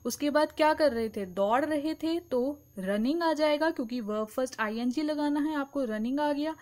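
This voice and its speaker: High-voiced woman teaching grammar. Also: moderate pace, a little mellow. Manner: explains step by step, keeps asking "ठीक है". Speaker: English teacher. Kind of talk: exam-prep grammar lesson.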